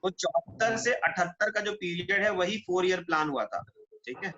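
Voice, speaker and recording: In a muffled, noisy classroom recording, a defence exam coaching teacher speaks at a normal speed with a high-pitched, bright and forceful voice. His lesson unfolds as casual questions and answers, and he frequently makes sure the students are keeping up.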